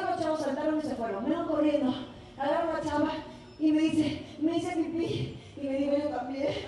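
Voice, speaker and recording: A Mexican woman in her thirties giving a talk at a university, telling a story and acting out the scene. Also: sits high. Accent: Mexican Spanish. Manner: lively storytelling, acts out the scene. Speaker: speaker. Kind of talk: conference talk. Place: university auditorium. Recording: very echoey hall, distant mic, faint noise.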